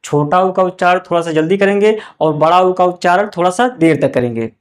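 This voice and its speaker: A man teaching young pupils how to read vowel signs. He asks questions and answers them himself, and draws out each example word slowly. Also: sits high, smooth. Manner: slow and drawn out on example words, repeating each twice. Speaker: Hindi teacher.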